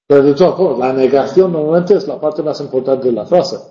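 A man's voice: mid-range voice, fairly quick, mellow, echoey room. A male teacher giving a classroom lecture, thinking aloud and reciting verse lines with stressed beats. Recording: dull lo-fi classroom recording.

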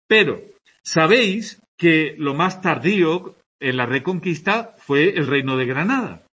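A man's voice: fairly high pitch, lively intonation, unhurried, a bit bright, slightly rough. A tired man from Andalusia with an Andalusian accent, giving a conversational classroom lecture and often checking in with his students. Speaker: teacher. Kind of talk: classroom lecture on Spanish dialects.

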